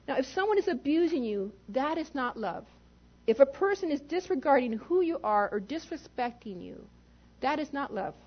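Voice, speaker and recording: A woman pastor delivers a sermon in a high voice, emphatic and direct, putting rhetorical questions to her congregation. The recording sounds dull and lo-fi. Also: breathy edge.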